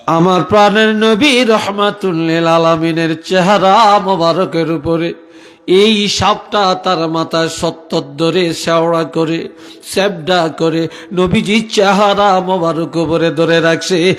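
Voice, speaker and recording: A male preacher delivers a slow waz sermon in a sing-song chant, his voice sitting a little high. He calls out questions to his listeners and climbs to shouted, high-pitched peaks. Faint music plays behind him. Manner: calls out to the crowd and asks questions.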